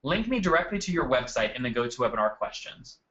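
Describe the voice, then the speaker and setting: Upbeat male webinar host, bright edgy tone, casual and chatty, slightly muffled desk audio. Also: medium pitch, very animated, fast. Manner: upbeat, addresses attendees by name. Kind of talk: live marketing webinar presentation. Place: at a desk indoors.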